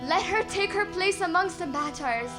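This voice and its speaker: A student actress speaking as a solemn chorus member in a school stage play. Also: female voice, very high-pitched, animated, normal speed, over music. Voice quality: declaiming, solemn. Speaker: student actor.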